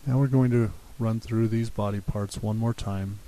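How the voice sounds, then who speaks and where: Low, mellow man guiding relaxation. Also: low-quality recording. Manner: calm, soothing, unhurried. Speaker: guided relaxation instructor. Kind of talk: guided relaxation narration. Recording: steady hiss behind the voice.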